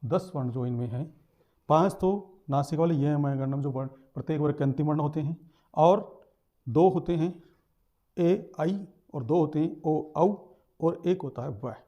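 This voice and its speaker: A man's voice: fairly high pitch, normal speed, dark tone, dull audio. A man teaching a lesson, explaining step by step, repeating terms and sounding out letters.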